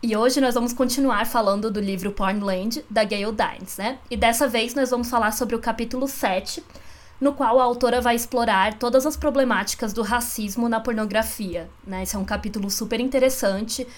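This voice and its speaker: A woman's voice: a little high, moderate pace. A young woman co-hosting a podcast, talking casually and often adding tag questions. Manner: conversational, frequent tag questions. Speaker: podcast co-host.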